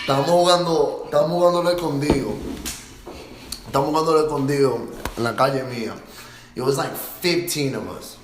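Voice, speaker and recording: A man's voice: on the high side, fast talker. A man in casual chat among friends, reacting with exclamations and mixing Spanish and English. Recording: echoey room with faint noise.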